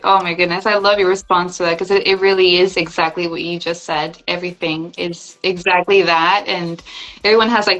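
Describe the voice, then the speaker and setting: Young woman host, bright crisp voice, effusive fan energy, video call. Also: medium pitch, poor audio. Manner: gushing, emotional, effusive. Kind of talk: casual live-stream interview.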